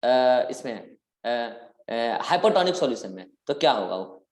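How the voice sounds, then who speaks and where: A man's voice: medium pitch, very animated, unhurried, darkish tone. Guy teaching a bio class, keeps quizzing the kids, stretches out words, roomy echo. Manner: quizzing, drawing out key words for emphasis. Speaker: biology teacher. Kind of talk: live interactive class lecture.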